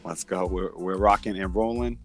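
A man hosting a casual sports podcast in slangy hype-man style, his voice hoarse from yelling and cheering. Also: low voice, normal speed, soft background music. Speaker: podcast host.

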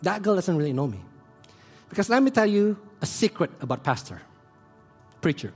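A man preaching a sermon who swings between hushed and loud delivery. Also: high-pitched, big pitch swings, normal speed, husky, soft background music. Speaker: pastor.

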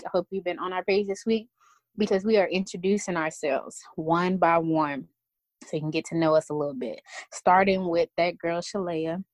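A woman's voice: mid-range voice, dry recording. A woman hosting a casual group podcast, laughing often. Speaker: podcast host.

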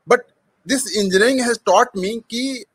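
Higher-pitched Indian man telling his story. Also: normal speed, a bit bright, breathy edge, no echo. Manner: hesitant, frequent mid-sentence Hindi switches. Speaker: startup co-founder, interview guest. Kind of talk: conversational personal storytelling.

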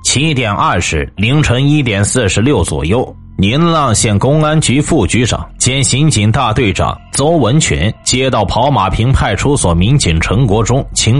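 A man's voice: mid-range voice, unhurried, few pauses, husky, soft background music. A man hosting a show, telling a true-crime case as scripted narration. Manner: storytelling, lively intonation. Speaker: host.

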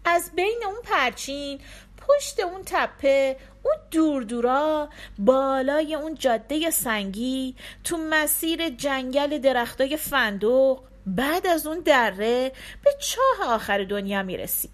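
A woman's voice: high-pitched, lively intonation. A woman voicing a bent, toothless old beggar woman with a trembling voice in a storybook tale. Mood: kindly.

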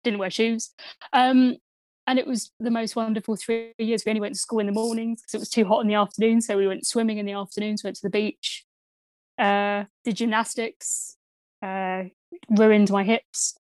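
A woman's voice: medium pitch, flat delivery, moderate pace, darkish tone, no echo. A woman in her thirties with an Essex accent, chatting casually as an interview guest in a playful, self-deprecating way. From Essex, England. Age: 30s. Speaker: podcast guest, university archaeologist.

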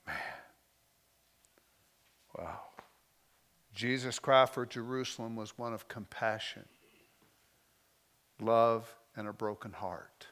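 A man preaching a sermon, moving between slow, emotional lines with soft drops and loose, conversational asides. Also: medium pitch, steady tone. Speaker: pastor.

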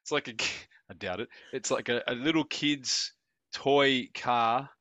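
A man's voice: medium pitch, a little slow, bright, forceful tone, dry recording. A man co-hosting a podcast, chatting casually and joking with frequent laughs. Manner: jokey, laughs often, bantering. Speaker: podcast co-host. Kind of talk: casual chat.

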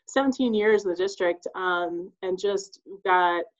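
A woman's voice: lowish voice, a little slow, muffled recording. A woman, a school social worker, speaking as a guest on a podcast and explaining her work earnestly, with some fillers. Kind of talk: casual podcast interview.

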